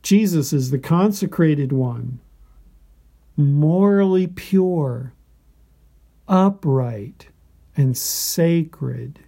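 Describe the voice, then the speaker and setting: A man delivers a scripted devotional narration. His voice is very dark and mellow, and he speaks slowly. Each phrase comes out deliberate and reverent. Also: a little high, expressive, creaky.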